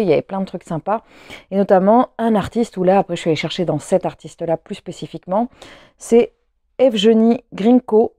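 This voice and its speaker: A woman's voice: mid-range voice, mellow, dry recording, clean studio sound. A woman vlogger chatting casually to camera at home, rambling with frequent hesitations and restarts. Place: at home, seated.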